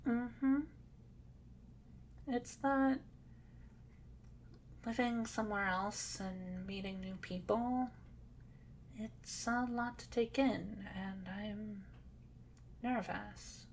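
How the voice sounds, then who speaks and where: A woman's voice: medium pitch, takes it slowly, gravelly, a little hiss or hum. A woman voicing a shy, nervous cat-eared girl in an ASMR role-play, hesitant and stammering. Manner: hesitant, stammering, soft-spoken.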